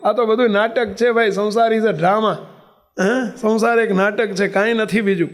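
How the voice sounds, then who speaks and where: His voice is high-pitched, with a steady tone and moderate pace, as this preacher gives a sermon. Within a story he voices each character himself and puts rhetorical questions to the listeners.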